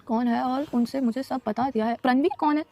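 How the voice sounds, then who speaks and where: Her voice sits high, with a steady, dark tone. On a laid-back live stream she fields questions from viewers, talking straight at them in a rapid, emotional, defensive rush.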